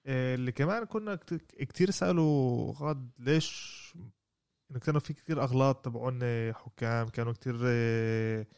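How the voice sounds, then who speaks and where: A man's voice: mid-range voice, a little fast, darkish tone, smooth. A man with a Palestinian Arabic accent chatting casually as a sports podcast panelist, repeating phrases for emphasis. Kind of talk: casual chat.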